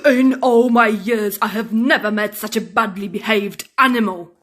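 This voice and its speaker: A woman's voice: medium pitch, steady tone, moderate pace, fairly bright tone, lightly acted. A woman voicing a furious, pompous man who scolds indignantly in a children's storybook reading. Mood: indignant, scolding.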